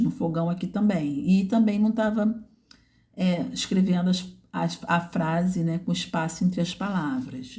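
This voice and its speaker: A woman teacher from Brazil talks, explaining step by step and checking in with her listeners often. Her voice sits a little low and sounds warm and mellow. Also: slight background noise. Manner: didactic, checks in with "tá?" and "né?". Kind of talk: explaining a student's portfolio.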